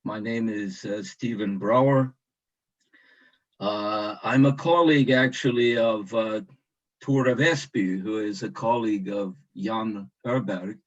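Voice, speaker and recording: A man from the United States speaks slowly and deliberately, pausing often on fillers. His voice sits at an ordinary pitch. The video-call sound is dull and lo-fi. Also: steady tone. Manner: slow, measured, with many hesitations. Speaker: guest commenter. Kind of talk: online discussion remarks.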